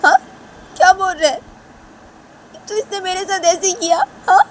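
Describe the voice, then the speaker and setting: A woman voicing a hysterical young woman in a storybook tale, crying out in shrill, sobbing outbursts. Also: moderate pace, a little hiss or hum.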